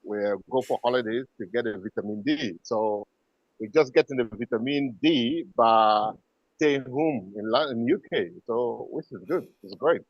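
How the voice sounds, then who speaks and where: A man's voice: mid-range voice, normal speed, no echo, dull audio. A man in his forties from West Africa, a financial consultant being interviewed, speaking with many fillers and easy laughter over a video call. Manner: hesitant, filler-heavy, laughs easily. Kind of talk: remote interview.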